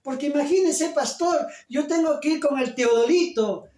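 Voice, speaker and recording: A distressed young woman pleading urgently with her pastor, as a man preaching puts on her voice. The voice rides noticeably higher than the speaker's own, and it rings with the echo of a large church hall. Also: moderate pace, a little mellow.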